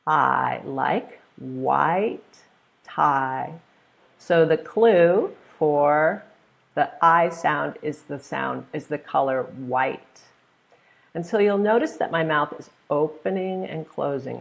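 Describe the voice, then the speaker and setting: Woman, standard American accent, middle-aged, English teacher, encouraging webinar delivery, fairly low pitch, noticeable vocal fry. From California, United States. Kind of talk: webinar lesson, explaining to students. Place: small plain room indoors. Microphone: earphone headset on a webcam video call.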